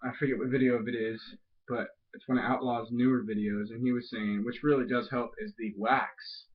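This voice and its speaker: A man's voice: medium pitch, flat delivery, moderate pace. A man chatting casually as a guest on a review video, talking with a lip full of dip. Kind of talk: casual chat. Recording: dull lo-fi home video audio.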